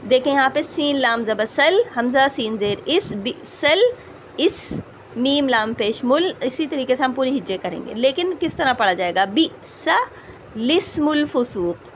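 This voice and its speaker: In an explanatory tajweed lesson, a woman with a high, expressive voice patiently teaches Quran recitation rules, often asking "ٹھیک ہے؟" and slowing to model sounds. A slight hiss or hum is audible.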